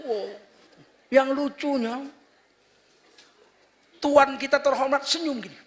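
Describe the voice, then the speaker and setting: A man in his fifties preaching a sermon, animated, firing rhetorical questions and mocking impressions. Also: high voice, normal speed. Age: 50s. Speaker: Islamic preacher. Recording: long hall reverb.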